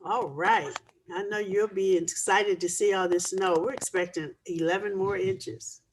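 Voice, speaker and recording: A woman's voice: mid-range voice, fairly even intonation, a little slow, slight background noise, low-quality recording. A woman hosting a virtual meet-and-greet on a video call, friendly and chatty. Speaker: host. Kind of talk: casual virtual meeting.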